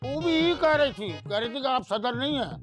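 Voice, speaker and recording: Brief: wisecracking middle-aged husband, soft music under. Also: male voice, very high voice, expressive, fairly quick. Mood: teasing. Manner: teasing, jokey. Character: joking middle-aged husband Badruddin, neighborhood fixer. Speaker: actor. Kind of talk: TV drama acting.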